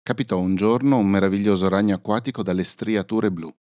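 A man narrating a fairy-tale story in a calm, even storytelling manner. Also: fairly low pitch, brisk, dry recording, studio quality. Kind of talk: scripted first-person narration.

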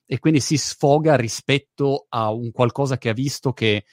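This is a man speaking in an easy, unscripted way, frank and a little coarse, dropping the odd swear word. His voice sits at an ordinary middle pitch. The sound is close and dry, with almost no room around it. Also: moderate pace, no echo. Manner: frank, informal, with casual swearing. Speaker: YouTuber guest. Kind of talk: casual conversation.

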